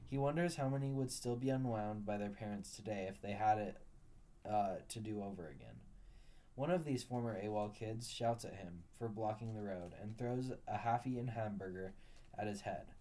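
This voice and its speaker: Male storyteller, warm low-brightness tone, steady read-aloud delivery. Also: normal speed. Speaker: narrator.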